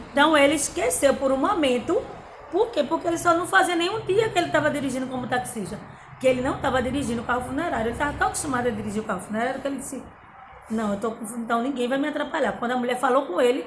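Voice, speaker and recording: A primary school teacher from Brazil gives a remote lesson to young pupils, working through a workbook. She is patient, explains step by step and keeps checking in with "tá bom?". Her voice sits high, and the low-quality recording is reverberant with a little hiss or hum.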